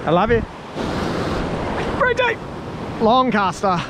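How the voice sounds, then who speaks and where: A young Australian man hosting a casual fishing vlog on a surf beach at sunset, excitable and quick to laugh, recorded on a head-mounted camera. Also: high voice. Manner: excitable, laughing, exclaiming at catches. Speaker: fishing channel host. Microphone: head-mounted action camera. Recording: loud surf and wind noise outdoors.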